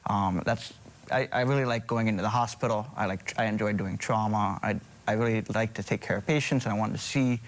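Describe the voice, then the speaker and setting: Man from Hawaii, middle-aged, TV guest surgeon, hesitant, slightly low voice. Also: a little fast. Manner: hesitant, many ums and restarts. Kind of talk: TV morning show interview.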